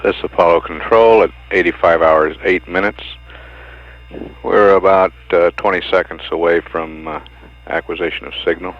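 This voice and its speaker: A man's voice: low-pitched, steady tone, normal speed. A man giving formal mission status announcements from mission control, heard through muffled broadcast audio with a hum. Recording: dull lo-fi broadcast with mains hum.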